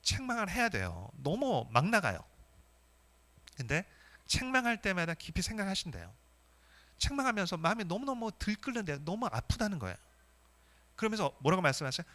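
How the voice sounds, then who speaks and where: Animated, bright-voiced Korean pastor preaching. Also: male voice, high voice, a little fast, long pauses. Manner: animated, emphatic preaching with rhetorical questions. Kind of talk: sermon.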